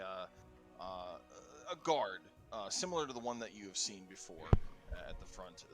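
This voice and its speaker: A man's voice: on the low side, pushed and bright. A man narrating as game master of a tabletop game, hesitant with many fillers.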